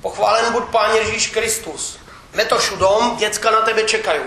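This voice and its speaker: A reader voicing a blunt, pious village farmwife who scolds loudly in Moravian dialect, in a roomy space. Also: female voice, medium pitch, steady tone, voice pushed up, close to an everyday voice. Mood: scolding.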